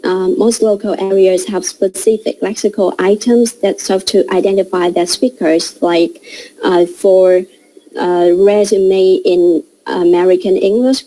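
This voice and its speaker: A young woman giving a classroom presentation, explaining in a halting way with pauses. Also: mid-range voice, warm tone, low-quality recording. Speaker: student presenter.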